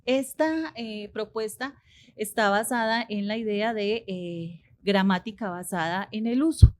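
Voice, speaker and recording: A woman's voice: mid-range voice, a little slow, darkish tone, a little hiss or hum. A woman giving an academic linguistics lecture, explaining step by step with rhetorical questions and frequent hesitations.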